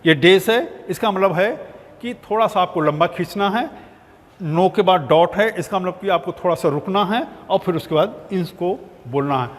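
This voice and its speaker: A man's voice: high voice, moderate pace. A man teaching a botany lecture, explaining terms patiently and slipping English words into his talk. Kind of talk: recorded lecture. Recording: long hall reverb.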